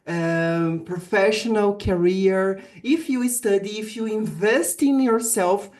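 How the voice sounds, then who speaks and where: Her native language is Portuguese, and this Brazilian teacher speaks as a guest presenter in a prepared virtual summit talk. The delivery is earnest and deliberate, with emphasis on key phrases; her voice is medium in pitch and darkish, carrying a Brazilian accent.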